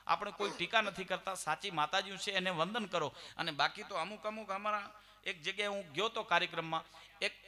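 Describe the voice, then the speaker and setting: A man's voice: high-pitched, pushed and bright. A man with a Gujarati accent telling jokes and stories on stage as a live comedian, talking straight to the audience. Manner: storytelling with quoted dialogue, addresses audience directly. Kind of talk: live stand-up joke telling.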